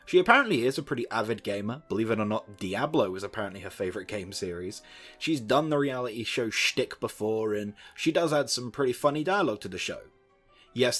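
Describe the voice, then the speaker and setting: Sardonic young man, lively delivery. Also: medium pitch. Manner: sardonic, wry asides, occasional swearing. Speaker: YouTube video essayist. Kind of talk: scripted commentary narration.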